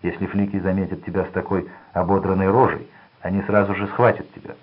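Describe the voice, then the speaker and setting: A man voicing a cold, greedy male swindler who talks gruffly and with contempt. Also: deep voice, level tone, quick pace, dull audio. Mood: contemptuous.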